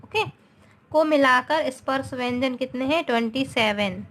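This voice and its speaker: A woman's voice: high voice, fairly bright tone. A woman teaching a grammar lesson, explaining step by step, often checking in with her students and mixing English words into her talk. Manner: slow, repetitive, checks in with "है ना".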